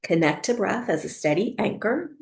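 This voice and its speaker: Speaking at a medium pitch with an animated yet creaky quality, a woman teaches breathwork and guides a meditation for sleep. Her delivery is soft, soothing and leisurely, with long pauses.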